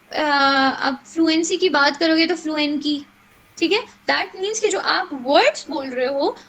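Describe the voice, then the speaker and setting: A woman's voice: high-pitched, gravelly, sharp tone, low-quality recording. A young woman teaching a communication skills class in a chatty lecture style, often checking in with her listeners. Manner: chatty, mixes English phrases, repeats "ठीक है?" to check in.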